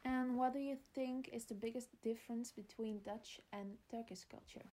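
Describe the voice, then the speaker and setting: A woman interviewing a guest, reading her questions in an even, scripted way. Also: fairly high pitch, moderate pace.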